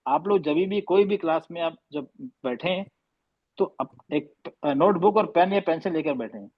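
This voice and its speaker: A man teaches Quran recitation over a call, stretching sounds slowly as he corrects students. His voice sits slightly high. The audio is dull and lo-fi. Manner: patient, slow demonstrating drills. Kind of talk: online tajweed class correction.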